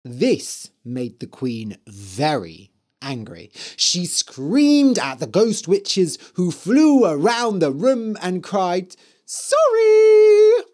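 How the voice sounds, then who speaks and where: Man, storyteller, slow, deliberate, very lively intonation, clear reading for learners. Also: sits high. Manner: expressive, deliberate.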